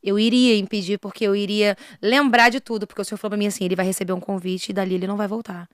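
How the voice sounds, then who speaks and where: Fast-talking woman giving fervent testimony. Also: medium pitch, flat delivery, dry recording, clean studio sound. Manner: earnest, swings between hushed and raised passionate delivery. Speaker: missionary and preacher. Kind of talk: emotional faith testimony in a podcast interview.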